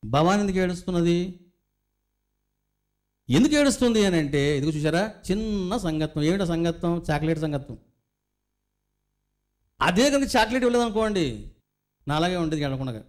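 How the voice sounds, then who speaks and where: A man with a notably high voice delivers a devotional discourse as a spiritual teacher. He tells homely stories and keeps turning to his listeners with questions. He sounds middle-aged. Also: animated, normal speed, long pauses. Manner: storytelling, rhetorical questions to listeners.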